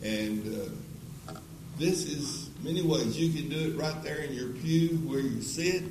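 An elderly male preacher in his eighties closes a sermon with an altar call, speaking slowly and earnestly in a fairly high voice and repeating pleading questions. He's recorded from a distance in an echoey church auditorium, with noise in the background.

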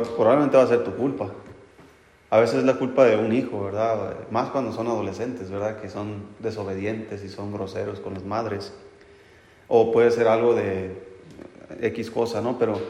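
A man's voice: medium pitch, darkish tone. A man preaching a conversational sermon, speaking plainly to the men and often checking in with "right?". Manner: plain, talks straight to the men, keeps asking "¿verdad?" and "¿sí?". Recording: echoey hall reverb.

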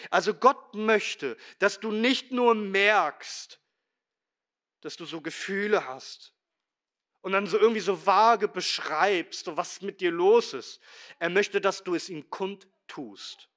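Pastor guy preaching, highish voice, middle-aged, gets loud then drops real quiet. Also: slow pace. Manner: emphatic preaching, swinging between loud stresses and quiet low asides. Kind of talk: sermon.

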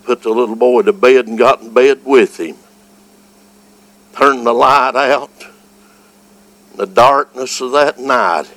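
On a low-quality recording, a medium-pitched Southern preacher delivers a fervent evangelical revival sermon. He's folksy and exclamatory, shifting back and forth between soft-spoken stories and shouting.

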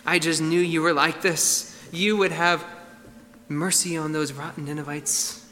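A male preacher voicing an angry, bitter prophet who is defying God, in a low, disgusted tone. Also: fairly even intonation, unhurried, pushed and bright, big-room sound, a little hiss or hum.

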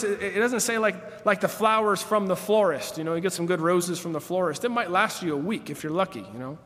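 A man in his late thirties preaching an earnest sermon in a high, bright-pitched voice. He reads scripture aloud and climbs higher on the phrases he wants to land. His words ring out with a long, lingering reverb, as in a large church sanctuary. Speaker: pastor.

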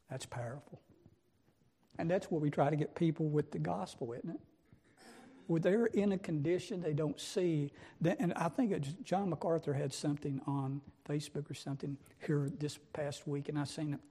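A man's voice: a little high, dark tone, husky. A man preaching a sermon, emphatic and full of rhetorical questions. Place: church sanctuary. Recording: long church reverb.

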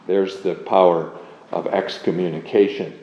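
A man preaching an expository sermon, earnest and measured, reading scripture aloud and leaning hard on key words. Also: sits low, level tone. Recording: dull, echoey room sound.

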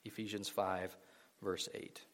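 Man, pastor, sermon, lowish voice, earnest, emphatic surges, long hall reverb. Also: flat delivery, slow pace, a bit bright. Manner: earnest preaching that swells to emphatic peaks, with restarts. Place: church sanctuary before a congregation.

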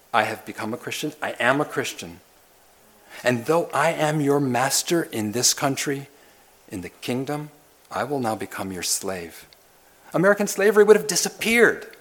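A male pastor preaching an expository sermon, repeating phrases and asking rhetorical questions, swinging from soft low asides to loud emphatic lines. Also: husky.

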